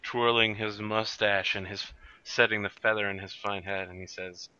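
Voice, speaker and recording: A man's voice: on the low side, fairly even intonation, normal speed, pushed and bright, clear, resonant tone, no room sound. A man narrating a tabletop role-playing game as game master. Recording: dull recording, faint noise, clicks.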